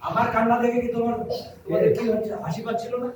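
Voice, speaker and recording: A woman runs a children's acting class, quizzing the kids and coaxing answers out of them. Her voice sits fairly high and carries a lot of room echo. She is picked up from a distance over steady background noise. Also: rapid-fire. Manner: lively, questioning, coaxing children. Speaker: theatre workshop teacher. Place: school classroom. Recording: echoey room, far from mic, noisy.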